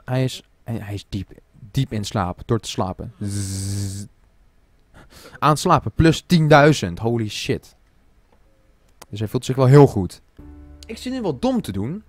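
A man's voice: medium pitch, no echo. A man giving casual Let's Play commentary who swears often, mixes in English phrases and talks to the game characters. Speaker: gaming channel host.

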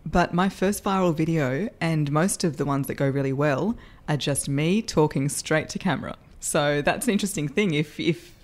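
Middle-aged woman voice coach, upbeat interview guest who laughs often, lowish voice. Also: moderate pace, hardly any pauses. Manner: lively, laughs often, self-deprecating. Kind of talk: podcast interview.

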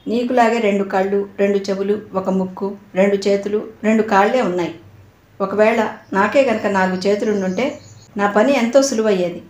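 A kind young doctor who jokes and teases a patient to cheer him up, lively in the voice, as a woman storyteller puts him on. The sound rings a little in the room. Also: medium pitch, normal speed, natural voice. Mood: playful. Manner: playful and teasing. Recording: roomy echo.

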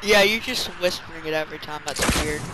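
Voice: medium pitch, brisk. A player in casual voice chat, giggling a lot and swapping swear words for mild ones. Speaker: gamer. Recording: game noise behind voice chat.

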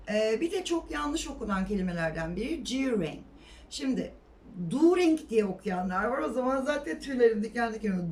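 Animated woman teaching pronunciation. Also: mid-range voice, far from the mic, slight background noise. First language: Turkish. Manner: animated, repeats words slowly to model pronunciation. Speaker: English teacher. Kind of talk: pronunciation lesson.

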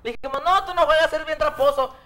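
A man's voice: extremely high pitch, quick pace, sharp tone. A man with a Mexican Spanish accent, a clown host telling jokes and laughing through them. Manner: laughing storyteller, mimics nasal voices in jokes. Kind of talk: joke telling.

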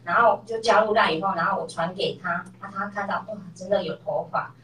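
Heard from some distance across an echoey room, a middle-aged class member tells the group a personal story and performs the voices of its characters. Her mid-range voice is brisk with a fairly bright tone, and there's a little hiss or hum.

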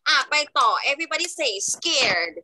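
A young Thai woman teaching English to children in an online class, drawing words out slowly for them to repeat. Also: sits high, sing-song. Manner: slow, drawn-out modelling of words for pupils to repeat.

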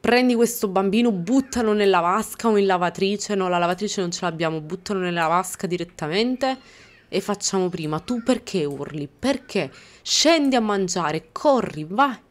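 A woman's voice: mid-range voice, normal speed. A young woman hosting a casual let's-play, talking over her game and scolding the characters with mock exasperation. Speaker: gaming channel host.

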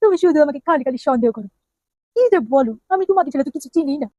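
A woman's voice: high voice, animated, rapid-fire, warm tone, dry recording. A woman voicing a harried husband who keeps making defensive excuses in a comedy skit. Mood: pleading. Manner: pleading, defensive.

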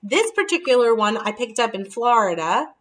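Her voice sits a little high and is very animated, carried at a moderate pace with a bit of brightness. She's a woman in her thirties hosting a relaxed laptop video call from the dining room, sharing holiday table ideas. Friendly in manner, she lifts books into view as she talks about them.

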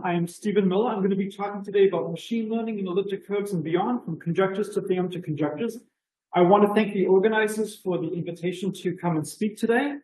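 A middle-aged mathematics lecturer with a Boston accent gives an enthusiastic, conversational conference talk over a video call, leaning heavily on "you know." His voice sits high with a dark tone, and the audio is poor and roomy-sounding.

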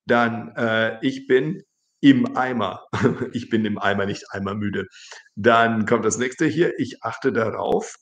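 A man's voice: lowish voice, takes it slowly, fairly bright tone. A man teaching German in a live stream, reading out viewers' chat messages, correcting them and often laughing.

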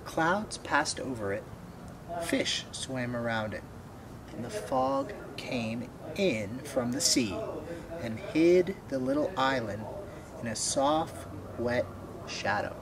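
With a mid-range, sing-song voice, a young man slowly reads a children's storybook aloud, adding asides and questions for his young listeners. He is outdoors next to a wooden fence, and the recording is clearly noisy, with crowd sounds audible.

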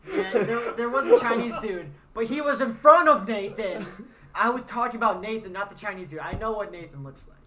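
A man's voice: sits high, lively intonation, fairly quick, far from the mic, crowd noise. A young man co-hosting a casual podcast chat, joking and teasing the others. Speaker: podcast co-host.

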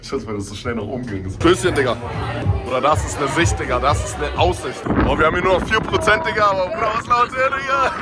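Young man, vlogging, slangy and hyped, slightly high voice, loud music behind. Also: brisk, over a noisy crowd. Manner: excitable, slangy, keeps saying "Digga" and "Bruder". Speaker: streamer and vlogger. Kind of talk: casual vlog chat.

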